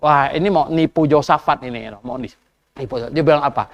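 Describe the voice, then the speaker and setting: A male pastor telling a sermon story in a casual, animated way, chuckling and asking the congregation questions. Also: fairly high pitch, normal speed, dull audio. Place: church service.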